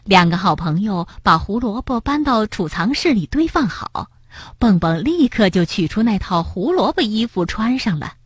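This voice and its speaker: A woman narrating a children's picture-book story in an expressive storytelling manner. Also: medium pitch, moderate pace, slightly rough, dry recording.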